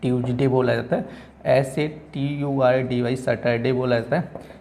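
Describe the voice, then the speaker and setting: A man's voice: medium pitch, fairly even intonation, measured pace, creaky, a little mellow, a little hiss or hum. A male teacher giving a classroom lecture who keeps asking his own questions and answering them, speaking English words.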